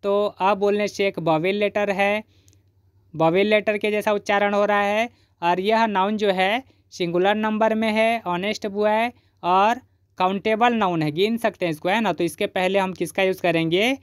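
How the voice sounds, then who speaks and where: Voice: medium pitch, steady tone, moderate pace, clear, resonant tone, no echo, studio quality. A teacher from Chhattisgarh explaining grammar step by step, asking questions and then answering them.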